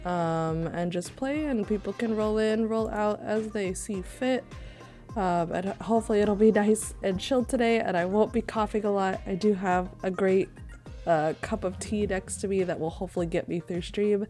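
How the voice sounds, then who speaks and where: A woman streamer chatting casually with a congested, worn-out voice, soft-spoken and full of ums. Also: mid-range voice. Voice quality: hoarse, voice worn out. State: congested, stuffed up. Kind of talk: casual livestream chat. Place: home room. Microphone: desk mic.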